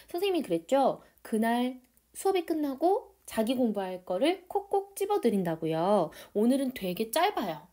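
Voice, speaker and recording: A woman's voice: fairly high pitch, mellow. A woman teaching a grammar lesson online, cheerful and emphatic, stretching out the key words she wants students to remember. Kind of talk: online lecture.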